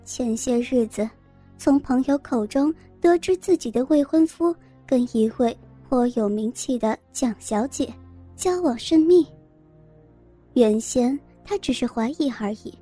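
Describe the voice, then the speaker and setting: A woman reading a scripted story as narrator, in a steady, even manner. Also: high-pitched, breathy edge. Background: faint music.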